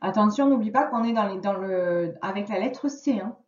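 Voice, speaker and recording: A woman with a French accent, giving a recorded reading and spelling lesson to a child with slow, deliberate word-by-word dictation. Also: medium pitch, darkish tone, recorded from a distance. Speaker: teacher. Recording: dull lo-fi sound in an echoey room.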